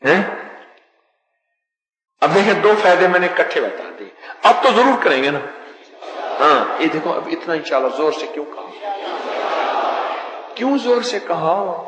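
A man preaching a sermon from the pulpit to a seated audience, lively and joking with his listeners, reciting verse along the way. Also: a little high, pauses often. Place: large hall with a pulpit. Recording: echoey hall reverb.

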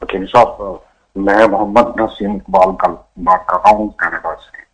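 A middle-aged man from Pakistan calls in to a show, talking slowly and haltingly while his phone line breaks up and cuts out. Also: low-pitched, little pitch movement, fairly bright tone, slightly rough. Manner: halting, slow and repetitive. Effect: phone call breaking up and cutting out. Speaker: caller. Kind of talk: call-in conversation. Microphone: mobile phone on speaker.

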